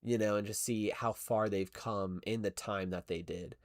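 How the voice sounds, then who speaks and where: This young man livestreams his stop-motion animation, chatting casually, reading chat, laughing often, and rambling with many fillers and self-corrections. His fairly low voice has fairly even intonation and a moderate pace, with no room sound.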